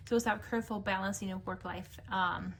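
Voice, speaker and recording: A woman's voice: mid-range voice, fairly even intonation, a little fast, slight background noise. A woman giving a casual tarot reading to camera, musing and chatty with many fillers. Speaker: tarot reader. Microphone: camera mic.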